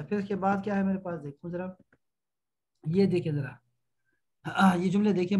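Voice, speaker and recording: A man teaching an online language lesson. He patiently drills each phrase slowly and repeats it, then explains it quickly and corrects the student. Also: high voice. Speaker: Arabic teacher.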